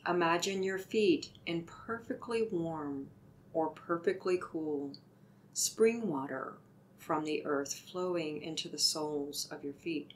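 A low-voiced woman leads a meditation at a very unhurried pace, offering each instruction gently in a soothing, deliberate way. The recording is low quality, with slight background noise.

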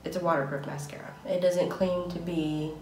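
A woman's voice: on the low side, flat delivery, normal speed, slight background noise. A woman in her late twenties chatting casually through a makeup tutorial, narrating each step in a friendly way. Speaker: makeup vlogger. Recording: echoey room, faint music behind.

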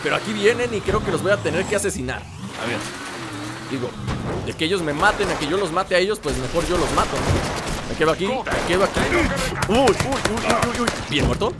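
A man's voice: fairly high pitch, background noise. A man with a Mexican accent, chatting through a let's play and talking back to the game as he plays. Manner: chatty, talks back to the game, explains asides at length. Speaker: gamer. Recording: loud game sounds under the voice.

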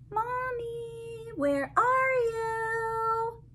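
Woman voicing a high, sing-song little child fish. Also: lively intonation, pushed and bright, full character voice. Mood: plaintive calling. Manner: drawn-out, sing-song calling. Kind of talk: picture-book character voice for a toddler.

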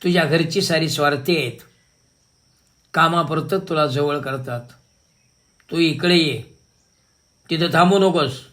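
A man's voice: on the high side, unhurried, pauses often, a bit bright. A man doing a scornful drunken husband. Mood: scornful, berating. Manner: scolding, insulting. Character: abusive drunken middle-aged husband.

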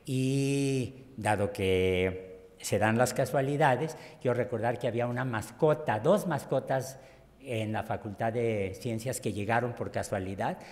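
An older man with a Mexican accent introducing a speaker informally from an auditorium podium, with hesitant pauses. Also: fairly low pitch, a little mellow. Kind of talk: informal spoken introduction at a public talk. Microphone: podium microphone. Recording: echoey auditorium.

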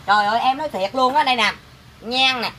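A vlogger, ranting to viewers in an exasperated, sharp-tongued, scolding way about fake orders. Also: female voice, on the high side, fast talker, a little hiss or hum. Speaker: vlogger selling goods online. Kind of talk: angry casual rant to viewers.

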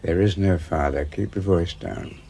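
A worldly, sardonic man keeps his voice hushed. His voice is very deep and gravelly. He delivers his lines dry and unhurried. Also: slight background noise. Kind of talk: period TV drama acting.

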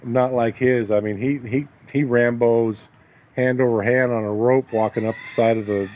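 Fairly even in intonation and at normal speed, this man's mid-range voice is slightly mellow. A vlogger and expatriate farmer of middle age or older, he rambles folksily in casual conversation at a waterside building site, caught in a noisy outdoor recording with background noise.

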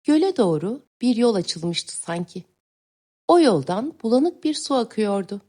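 A woman teacher reading a story aloud to young pupils in a clear, expressive way. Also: fairly high pitch, a little slow. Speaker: teacher reading a listening text. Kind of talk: children's story narration.

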